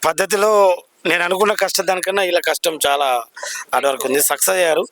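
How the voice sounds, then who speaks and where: A man's voice: high-pitched, steady tone, fast talker, background noise. A man who organizes the event, giving short, clipped replies to an interviewer. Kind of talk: interview answers.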